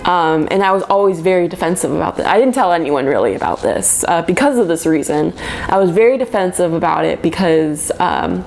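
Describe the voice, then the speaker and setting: A woman's voice: on the low side, vocal fry, darkish tone, a little hiss or hum. A woman in her twenties reading her old diary aloud in a casual, chatty way, embarrassed and poking fun at herself. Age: 20s. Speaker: vlogger reading her old teenage journal.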